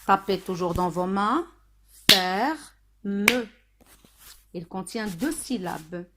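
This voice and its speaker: A woman teaching a phonics lesson to children, speaking slowly and spelling out sounds syllable by syllable. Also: lowish voice, very noisy. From Morocco. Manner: slow, deliberate, syllable by syllable.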